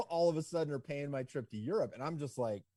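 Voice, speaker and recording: A man of around forty, a guest on a podcast interview, telling his story in a relaxed, rambling way full of "like" and "you know". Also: a little high, brisk, dry recording, clean studio sound. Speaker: podcast guest, ski business owner.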